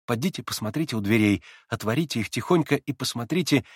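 A man reading an audiobook, voicing an emotional, shy and teasing teenage girl who swings quickly between moods. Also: mid-range voice, lively intonation, slightly rough, dry recording, studio quality.

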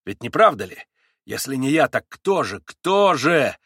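A man reading aloud and voicing an agitated young man under questioning who talks fast, nervously and effusively. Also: mid-range voice, very animated, fairly bright tone, slightly rough, dry recording, clean studio sound, full character voice. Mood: insistent.

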